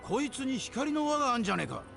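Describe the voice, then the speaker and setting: A man voicing a rough-talking adult male adventurer in an anime game, with gruff, blunt speech. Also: very high voice, very animated, very fast, a bit bright, faint music behind, exaggerated voice.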